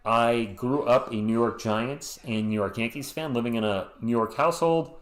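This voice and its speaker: Calling basketball play by play for a live stream, this Western Massachusetts man speaks at medium pitch and a normal pace. As the stream's sports host, he chats with viewers, tosses joking asides at chat messages, and jokes between plays, all in a room with noticeable echo.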